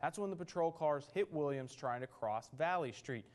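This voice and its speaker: A man anchoring a local evening newscast with steady, scripted delivery. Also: on the high side, normal speed. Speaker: news anchor.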